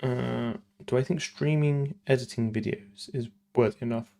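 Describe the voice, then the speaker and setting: A man's voice: mid-range voice, fairly even intonation, moderate pace, vocal fry, dark tone. A man live-streaming his programming, talking through code and answering chat, often trailing off and repeating words.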